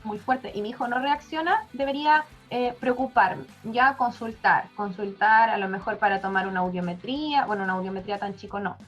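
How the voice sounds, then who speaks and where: A woman's voice: medium pitch, brisk, few pauses, a bit bright, lo-fi sound, faint music behind. A woman with a Chilean accent, a speech therapist giving parenting advice, checking in with her listeners as she explains. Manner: checks in with a frequent "¿ya?".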